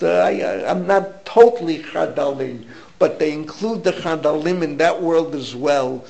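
An older American man, a rabbi, teaches an informal Torah class, emphatic and opinionated, repeating phrases for emphasis and sprinkling in Hebrew terms. His voice is fairly high, gravelly, and a little mellow. The recording is rough.

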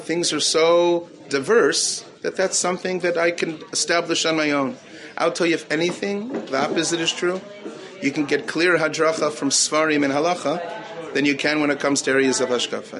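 A man teaching as a rabbi, earnest, repeating key phrases for emphasis and mixing Hebrew terms into his English. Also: fairly high pitch. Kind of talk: Torah talk answering questions.

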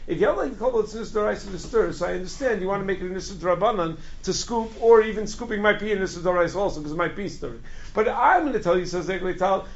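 A man teaches a religious law class informally, his voice a little high and full of creak. He hammers points by repetition and question-and-answer phrasing. The recording is muffled and lo-fi. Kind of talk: informal lecture to a study group. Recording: dull lo-fi classroom recording, background noise.

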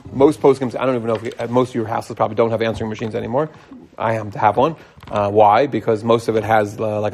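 A middle-aged rabbi with a fairly high voice teaches an informal class on religious law. He is conversational and animated, often posing questions and then answering them himself.

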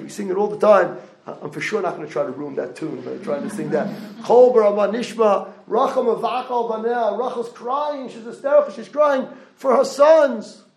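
A man delivers a Torah lecture in a high voice with a gravelly edge. He keeps throwing rhetorical questions at his listeners. The sound is roomy and echoey. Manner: animated, rhetorical questions to the audience. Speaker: rabbi lecturer.

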